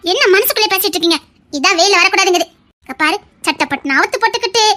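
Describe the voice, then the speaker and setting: A woman with a Tirunelveli Tamil accent plays Anandhi, a young lover in a web series drama who dotes on him, fussing and scolding him tenderly. Her very high, exaggerated voice is animated, rapid-fire, bright, and forceful.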